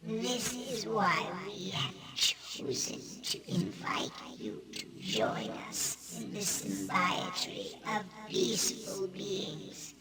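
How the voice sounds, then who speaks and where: A woman voicing a calm, solemn alien envoy, speaking slowly and formally in a whispery, creaky voice. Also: mid-range voice, over a noisy crowd, heavily acted. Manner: slow, measured, formal delivery. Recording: echoey, distant game audio.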